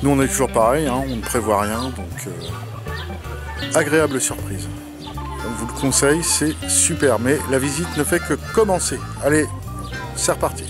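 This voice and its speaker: A man's voice: medium pitch, lively intonation, moderate pace, over music. A middle-aged man filming a family vlog outdoors at a zoo, chatting cheerfully to the animals and the camera. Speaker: family vlogger. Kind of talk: casual vlog commentary.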